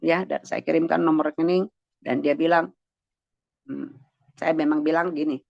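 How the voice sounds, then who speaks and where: A woman's voice: deep voice, steady tone, moderate pace, creaky, no echo, dull audio. A middle-aged woman leading a morning devotion, earnestly sharing a personal testimony and speaking straight to her listeners. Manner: earnest, addresses listeners directly.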